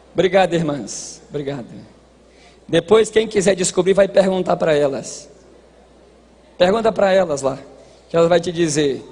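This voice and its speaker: Brazilian preacher, male, high and husky, folksy sermon delivery, quiet asides building to shouts; church hall with long reverb. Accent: Brazilian Portuguese. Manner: folksy, joking, shifts between quiet asides and shouted exhortation. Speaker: pastor. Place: large church hall at a congress.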